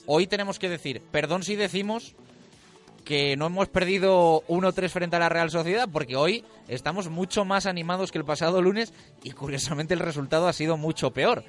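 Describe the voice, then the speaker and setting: A man's voice: on the high side, normal speed. A man with an accent from Spain hosting a casual sports radio show, colloquial, with question tags. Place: radio studio. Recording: music bed behind.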